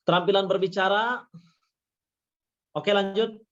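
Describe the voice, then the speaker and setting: High-voiced man lecturing in a webinar. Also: fairly even intonation, unhurried. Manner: repeats phrases, with many "ya" and "nah" fillers. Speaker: webinar speaker and university lecturer. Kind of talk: lecturing through slides in an online webinar. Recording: dull lo-fi webinar audio.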